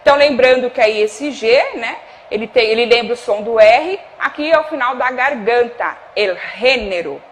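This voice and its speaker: A woman's voice: a little high, normal speed, few pauses. A woman with a Brazilian Portuguese accent teaching a televised Spanish lesson. She checks in with the class often and gives cues to a producer off camera.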